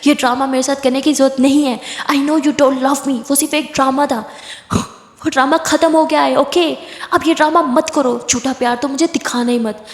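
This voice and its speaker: A woman's voice: fairly high pitch, steady tone, fairly quick, darkish tone, close to an everyday voice. A woman voicing a bitter, defiant young female gangster who talks curtly and with scorn. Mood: scornful. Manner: curt, scornful. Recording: echoey room with long reverb.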